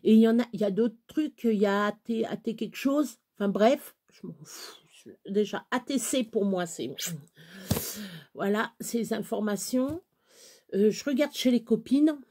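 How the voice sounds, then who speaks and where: A woman's voice: fairly high pitch, unhurried, dark tone. A woman in her forties chatting to her viewers in a blunt, earthy way, swinging between laughter and tears. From France. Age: 40s. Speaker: crafting vlogger. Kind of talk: casual chat to camera.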